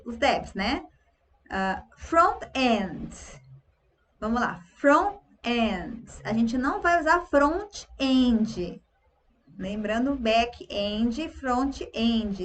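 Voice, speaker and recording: A Brazilian woman with a Brazilian Portuguese accent, teaching English pronunciation in an online lesson by repeating words slowly. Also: on the high side, fairly bright tone, a little hiss or hum.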